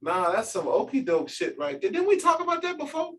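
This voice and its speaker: A man's voice: very high voice, big pitch swings, fairly quick, pushed and bright. A man hosting a casual chat show, laid-back, slangy and teasing. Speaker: podcast host.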